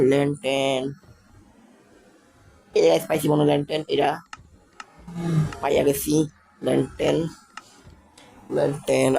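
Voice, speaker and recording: A young man, still a school student, commenting casually on his Minecraft build in a halting, stammering way, speaking slowly on purpose. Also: fairly high pitch, vocal fry, darkish tone. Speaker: gaming channel host.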